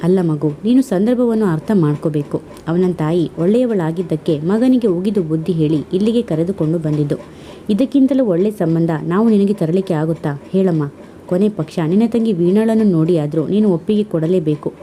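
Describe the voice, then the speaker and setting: A stern, desperate middle-aged father, pleading with his daughter as a female storyteller puts him on. The voice stays low and dark, in a storybook reading. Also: expressive, brisk, slight background noise, natural voice.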